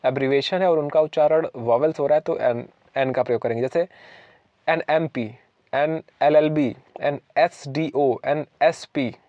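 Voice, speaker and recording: A man's voice: a little high, darkish tone, no room sound, highs cut off. A man teaching an English grammar lesson, patiently explaining rules and asking questions that he answers himself.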